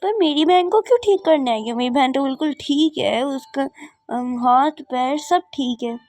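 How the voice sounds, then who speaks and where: A woman's voice: high voice, moderate pace, darkish tone. A woman voicing a chatty little girl princess who tattles about her sister in a doll game. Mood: curious.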